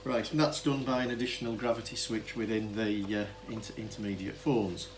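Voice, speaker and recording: A man with a fairly low, level voice talks a little fast as he demonstrates vintage telephone equipment on a clearly noisy amateur camera. The hobbyist's explanation is unscripted and informal, hesitant and rambling, with frequent self-interruptions.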